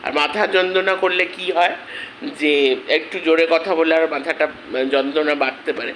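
A man with a headache, talking slowly and quietly in an angry protest vlog on his channel. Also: fairly high pitch, steady tone, slight background noise, low-quality recording. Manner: speaks slowly and quietly, rising in anger. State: has a headache. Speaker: vlogger.

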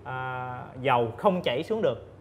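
A man in his thirties, a guest expert on a studio panel, explaining methodically with frequent pauses and fillers, on a lapel mic. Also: mid-range voice, expressive, a little hiss or hum. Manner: measured, explains step by step with many fillers. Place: indoor TV studio set.

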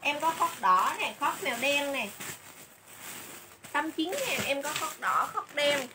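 A woman doing a livestream sales pitch for clothes, chatty and repeating item names and prices again and again. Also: lively intonation, a little slow, noisy background. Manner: chatty, calls viewers "dear sisters".

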